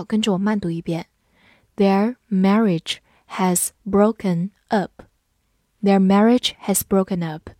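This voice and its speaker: A woman teaching English vocabulary, who spells out words letter by letter and reads example sentences slowly. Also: medium pitch, a little mellow, no room sound, studio quality. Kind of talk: vocabulary lesson.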